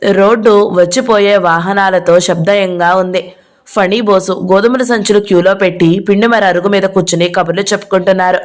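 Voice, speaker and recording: A woman reading a novel aloud as an audio book narrator. Her telling is steady and even, at a middle pitch. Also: a little fast.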